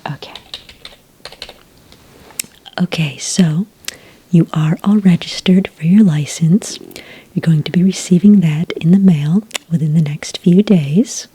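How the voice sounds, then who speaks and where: This fairly low-pitched woman speaks softly in an ASMR roleplay, cast as a warm licensing associate registering werewolf hunters. Breathy and whispery, she explains things in an unhurried, customer-service manner, though the recording itself is rough.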